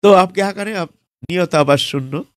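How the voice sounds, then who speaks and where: A man preaching a devotional storytelling sermon in an unhurried way, often pausing with fillers. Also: high voice, dry recording, studio quality. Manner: unhurried, with frequent fillers and restarts. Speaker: religious preacher.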